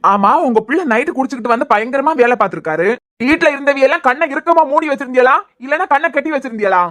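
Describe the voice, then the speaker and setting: A woman's voice: high-pitched, animated, fast, background noise. A woman voicing a sarcastic young man in a cartoon serial, with a Kanyakumari Tamil accent. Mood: sly. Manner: sarcastic, needling questions. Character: shrewd sarcastic young man probing family.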